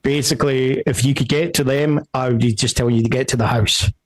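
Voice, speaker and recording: A man's voice: medium pitch, steady tone, no echo, lightly acted, low-quality recording. A man doing a grumpy seventy-year-old dad. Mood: worried. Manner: slow, hesitant, full of fillers.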